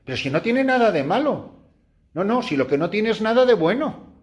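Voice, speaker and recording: Man, Spanish accent, middle-aged priest, retreat meditation, fairly high voice, very lively swooping pitch, animated storyteller. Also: normal speed. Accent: Spain Spanish. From Spain. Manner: animated storyteller, jumps high acting out his own cries and laughs. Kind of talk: spoken retreat meditation to nuns. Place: room with a small group of nuns.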